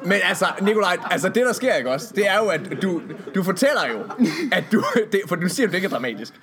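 A young man hosting a casual podcast chat, excitable and crude, laughing often and repeating a filler phrase. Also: high voice, crowd noise. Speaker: podcast host. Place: school building at a gaming party.

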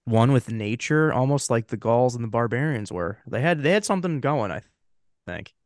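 A man in his thirties trades jokes with friends on a casual podcast, his voice sitting at an ordinary middle pitch. He rambles, restarts sentences and corrects himself as he goes. The sound is close and dry, with no room around it. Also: expressive, moderate pace, dry recording. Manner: rambling, jokey, self-correcting. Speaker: podcast co-host. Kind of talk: casual chat.

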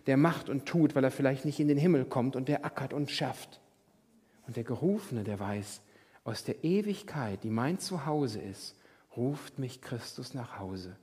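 Brief: male pastor, husky voice, sermon with rhetorical questions, long church-hall reverb. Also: mid-range voice. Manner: rhetorical questions, swings from loud to whispered.

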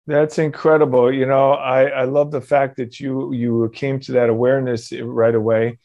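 A man's voice: mid-range voice, level tone, normal speed, a little mellow, lo-fi sound. A man hosting an interview program, friendly, with many fillers and restarts. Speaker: host.

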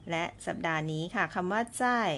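A woman teaching Chinese in a podcast lesson, politely and gently explaining words and slowly repeating examples. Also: fairly low pitch. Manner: slow, deliberate repetition of example words.

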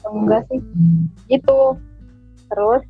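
A woman's voice: a little high, steady tone, takes it slowly, husky, faint music behind. A woman who lives in Manado tells a chatty, aggrieved story down a phone line, quoting what others said. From lives in Manado, not originally from there. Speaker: caller sharing her story. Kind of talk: casual chat.

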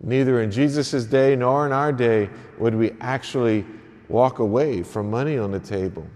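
Priest preaching in a cathedral echo. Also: male voice, medium pitch, moderate pace, darkish tone. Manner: earnest, plain-spoken preaching with easy repeats. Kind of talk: gospel reading and homily at Mass. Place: church during an early morning Mass. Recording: long echoing church reverb.

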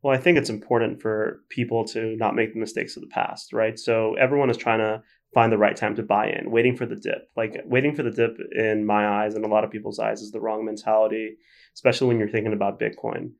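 A man on a podcast giving steady advice with many fillers. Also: fairly low pitch, quick pace. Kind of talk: casual advice talk.

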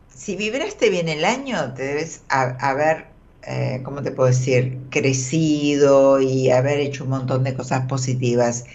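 Here an Argentine woman, radio host and tarot reader, gives live call-in advice in a relaxed, reassuring manner with plenty of tag questions. Her voice sits low with a darkish tone, and the recording is dull and band-limited.

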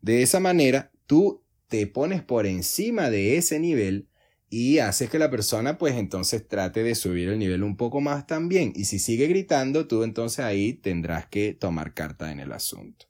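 A man hosts his own podcast, talking straight to the listener in an earnest, explanatory way. His pitch moves widely as he talks. He keeps slipping into short acted-out exchanges, changing his voice for each person. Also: very animated, moderate pace, a little mellow. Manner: acts out dialogues in changing voices. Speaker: podcast host. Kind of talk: solo podcast monologue.

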